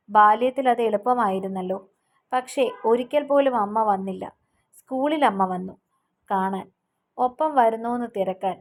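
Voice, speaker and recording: A woman storyteller narrating an audio novel in a steady, unhurried way. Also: mid-range voice.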